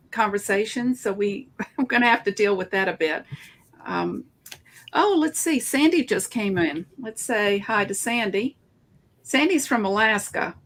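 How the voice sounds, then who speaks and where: A woman co-hosting a live online art broadcast, speaking in a measured, slightly halting way. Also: mid-range voice, lively intonation, fairly bright tone. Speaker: co-host.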